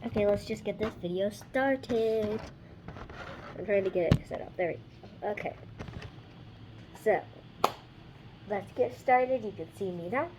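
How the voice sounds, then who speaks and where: A woman hosting a casual craft how-to, chatty and rambling, with a slightly hoarse voice from losing it a little. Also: mid-range voice, unhurried, pauses often, noisy background. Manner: chatty, rambling, trails off mid-sentence. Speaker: craft video host.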